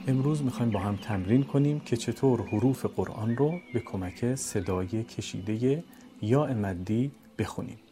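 A man teaching Quran reading, explaining calmly and drawing out example syllables slowly for students to repeat. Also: mid-range voice. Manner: stretches example syllables slowly and chants them. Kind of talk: recorded lesson, calm explaining with drawn-out drills.

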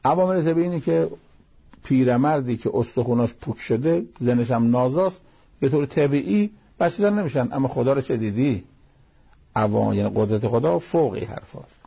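A man's voice: medium pitch, lively intonation, vocal fry, mellow, breathy edge. A man giving a religious lecture, explaining scripture verses one by one with plain everyday asides. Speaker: cleric teaching Quran commentary.

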